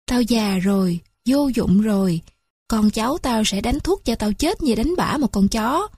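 A woman's voice: fairly high pitch, animated, a little slow, a little mellow, husky, no room sound, studio quality. A woman playing a forlorn old wanderer. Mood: bitter. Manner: self-pitying, rambling lament. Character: old man, rootless, drunk, bitter and forlorn.

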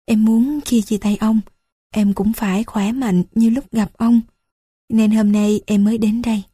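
A gentle young girl, as a woman reading a story puts her on, calm and earnest with a teasing edge. The voice is mellow and breathy, and she speaks slowly. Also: on the high side, no room sound, clean studio sound.

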